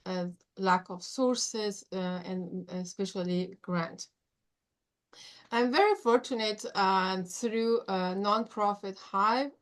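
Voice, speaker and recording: A woman hosting an interview, introducing her guest in halting speech full of pauses and restarts. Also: medium pitch. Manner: halting, many fillers and restarts, non-native phrasing. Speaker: interview host, nonprofit leader.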